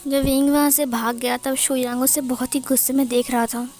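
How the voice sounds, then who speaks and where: A woman's voice: high-pitched, flat delivery, fairly quick, darkish tone. A woman casually narrating a fan fiction story, correcting herself as she goes.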